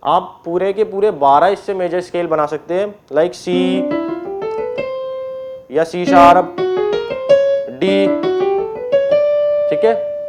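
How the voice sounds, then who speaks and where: A man teaching an online keyboard class, explaining step by step, often clearing his throat and checking that students follow. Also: sits high, takes it slowly, pauses often, over loud music. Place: indoors with keyboard and board.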